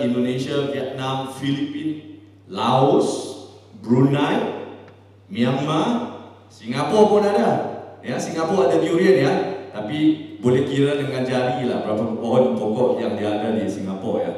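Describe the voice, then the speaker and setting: A man's voice: mid-range voice, a little mellow. A man with a Malaysian accent gives a seminar talk, moving between Malay, Indonesian and English and dropping "ya" after his points. He sounds set back from the microphone. The hall around him rings with a long, heavy echo. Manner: mixes Malay, Indonesian and English, frequent "ya" tags. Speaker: seminar speaker. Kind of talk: conference presentation. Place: large hall. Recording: echoey hall from far off.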